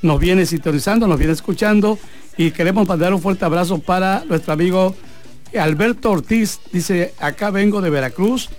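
A man's voice: sits high, moderate pace, a little mellow, faint music behind. A Mexican man hosting a sports radio show from a radio booth, chatting and reading out listener messages. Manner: chatty, reads messages aloud and adds advice.

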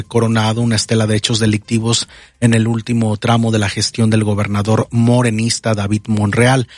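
A man with a Mexican accent hosting a radio news programme in a formal, measured way with some hesitant pauses. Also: mid-range voice, no echo. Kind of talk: news presenting, partly read and partly ad-libbed. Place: dry radio studio.

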